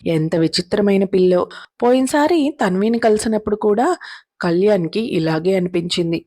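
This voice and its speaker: A woman telling a serialized story in a steady, even narrating manner. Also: mid-range voice, moderate pace.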